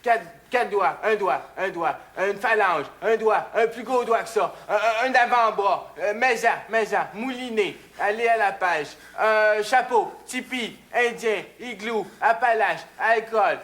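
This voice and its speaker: A man's voice: high voice, a little slow, hardly any pauses, fairly bright tone. A man doing a flustered Québécois game show contestant. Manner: hesitant, filler-heavy guessing. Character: flustered male contestant, blurting random guesses.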